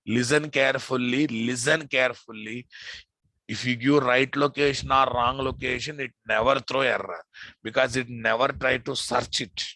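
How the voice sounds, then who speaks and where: A male programming instructor with a Telugu Indian accent gives a loose technical lecture to a live class, often repeating phrases and putting questions to listeners. His medium-pitched voice is creaky and sharp-toned. The recording is rough but free of echo.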